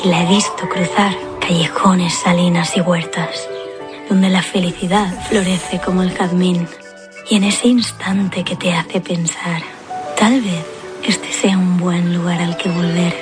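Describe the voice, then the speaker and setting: Woman narrator, poetic tourism spot, gentle and intimate, strong music bed. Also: fairly low pitch, flat delivery, a little slow. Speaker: ad voice-over.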